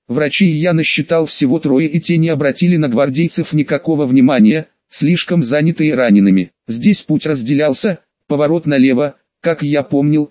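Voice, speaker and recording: A male audiobook narrator reading steadily in a first-person voice. His voice sits a bit high, and the sound is dry and slightly dull. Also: no echo.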